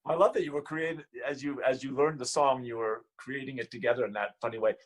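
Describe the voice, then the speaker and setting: A man in a casual interview, telling a lively personal anecdote. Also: medium pitch, fast, rough recording. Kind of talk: casual chat.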